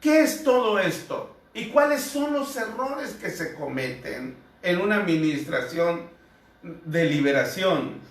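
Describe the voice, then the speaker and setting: A male pastor preaching a sermon in a measured, earnest way, asking rhetorical questions. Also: high voice, expressive. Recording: echoey room, heard from a distance.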